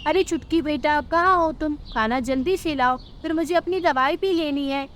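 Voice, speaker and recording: A woman's voice: high-pitched, moderate pace, slight background noise, pitched above the performer's own voice, natural voice. A woman voicing an ailing, demanding old mother crow in a cartoon. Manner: calling out, bossy requests.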